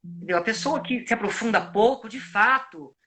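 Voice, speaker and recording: A man's voice: high voice, normal speed, sharp tone. A Brazilian man, an actor and coach, explains at length in a reflective way with frequent restarts, speaking on a live video call. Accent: Brazilian Portuguese. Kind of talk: live video chat, giving advice.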